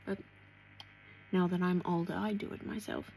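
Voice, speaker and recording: A woman chatting casually through a makeup tutorial, talking to herself as she works and dropping into soft asides. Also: on the low side, level tone, moderate pace, gravelly, a little hiss or hum, low-quality recording. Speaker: beauty vlogger.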